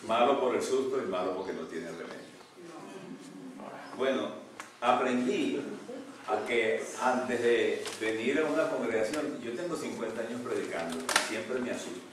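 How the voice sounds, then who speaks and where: An older man, a pastor, preaching a sermon with animated swings between loud outbursts and hushed asides. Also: mid-range voice, moderate pace. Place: church sanctuary. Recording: echoey church from a distance, noisy.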